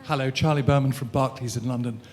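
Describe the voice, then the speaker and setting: A man's voice: medium pitch, steady tone, fast, a little mellow, a little hiss or hum. A man making a formal, filler-laden comment from the floor of a conference. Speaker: audience member commenting. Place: conference hall.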